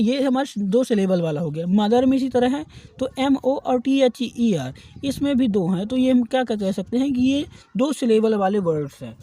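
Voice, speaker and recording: A man teaches grammar with a dark, mellow voice. He drawls out key terms word by word, then explains them plainly, often checking in with "okay". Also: very high-pitched, dry recording. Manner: frequent checking "ठीक है". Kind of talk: grammar lesson explaining definitions.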